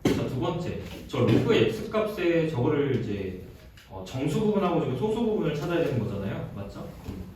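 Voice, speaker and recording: A male math teacher lectures in a lively, rising-and-falling voice, stopping every few lines to ask students if they follow. He sounds distant from the mic, and the classroom echo is heavy. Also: fairly high pitch, normal speed. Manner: checks in constantly with short questions, mixes casual and polite speech. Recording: roomy, distant classroom recording with faint noise.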